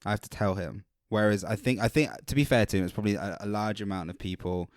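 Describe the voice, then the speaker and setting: A man's voice: lowish voice, fast talker, no room sound, clean studio sound. A man co-hosting a podcast, chatting casually and rambling a bit, swearing freely, in a hot indoor room. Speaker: podcast co-host. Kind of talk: casual chat.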